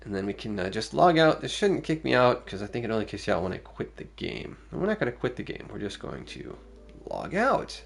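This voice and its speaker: A man's voice: medium pitch, big pitch swings, fairly quick, vocal fry. A man streaming a video game, thinking aloud through his choices in casual commentary.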